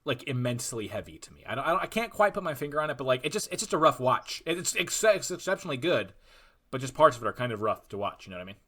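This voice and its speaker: A young man hosting a podcast in casual chat, animated and full of restarts and swearing. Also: mid-range voice, fast. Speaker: podcast host.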